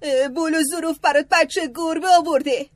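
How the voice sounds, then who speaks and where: A man voicing an excitable older mother in an audiobook, in a high squeaky falsetto, exclaiming and flustered. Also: dry recording, studio quality. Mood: excited. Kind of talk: audiobook character voice.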